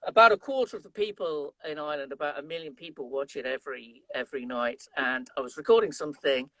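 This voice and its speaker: A trumpet player in his fifties with an English Midlands accent chats as a guest in a conversational interview, telling stories with many fillers and restarts. His voice is fairly high, a bit bright and fast, and the low-quality recording has no echo.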